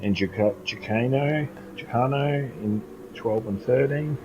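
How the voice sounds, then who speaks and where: A man hosting and commentating a sim racing stream in a relaxed, hesitant way with many ums. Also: mid-range voice, unhurried. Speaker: race commentator and host. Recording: dull lo-fi mic with noise.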